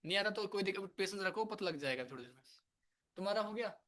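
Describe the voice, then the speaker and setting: A man's voice: high voice, animated, fast talker, fairly bright tone. A man teaching programming to a class in a room, casual and chatty, coaxing and teasing his students. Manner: casual, scolds and coaxes students. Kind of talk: live classroom lecture.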